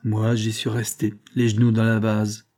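A ruined glassmaker with a sneering, acid tongue, as a male reader puts him on, his voice lifted a touch and pushed with sudden heat. The tone stays dark and mellow underneath. An audiobook character, all bitterness and scorn. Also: on the low side, completely flat delivery, normal speed. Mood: sardonic. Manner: acerbe, mocking, with heated bursts. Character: bitter, sardonic ruined glassmaker, middle-aged man.

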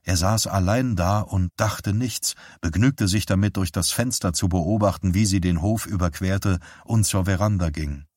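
A man narrating a novel as an audiobook in a calm, measured reading. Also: deep voice, no echo, studio quality. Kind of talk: scripted narration.

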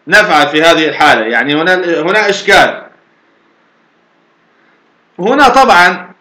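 High-voiced man teaching in an echoey room. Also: pushed and bright. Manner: asks the class questions and answers them himself, drawing out example words. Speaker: teacher of Arabic morphology. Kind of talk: lecture explaining a grammar poem.

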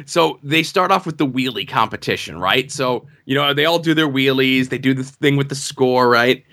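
A man telling a long casual story with many "like"s and "right?"s, slipping into quick impressions of announcers. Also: medium pitch, sharp tone. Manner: rambling, full of "like" and "right?", slips into mock announcer voices.

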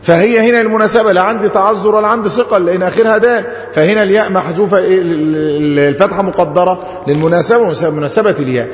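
A man with an Egyptian accent teaching a grammar lesson as an Islamic scholar. He stretches out quoted verses slowly and puts rhetorical questions to his class. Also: sits high. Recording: echoey hall, dull muffled audio.

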